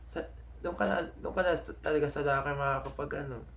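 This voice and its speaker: A young Filipino man vlogging to his subscribers in a casual, halting way, often stopping to restart and correct himself. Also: on the high side, creaky, a bit bright. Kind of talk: casual vlog talk to subscribers.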